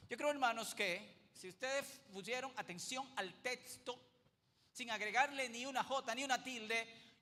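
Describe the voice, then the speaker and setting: High, bright-voiced preacher in a reverberant church. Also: male voice. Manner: emphatic storytelling with rhetorical questions. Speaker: pastor. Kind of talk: sermon. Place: church sanctuary. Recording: long hall reverb of a church.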